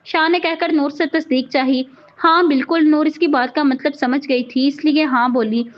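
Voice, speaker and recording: Female narrator for a romance audiobook, high voice, muffled sound. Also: fairly even intonation, normal speed. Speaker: novel reader. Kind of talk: reading a romance novel aloud.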